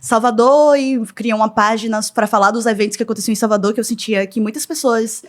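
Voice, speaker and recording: A woman, a journalist guest on a podcast, speaking in a measured, articulate way. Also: fairly high pitch, fairly even intonation. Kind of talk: casual interview chat.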